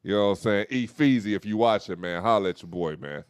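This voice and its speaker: Young guy hosting a chill talk show, lotta slang, lowish voice, dry close mic. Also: quick pace, smooth, dry recording. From Dallas, Texas. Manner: loose, slangy, animated storytelling. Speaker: host. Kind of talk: casual podcast chat.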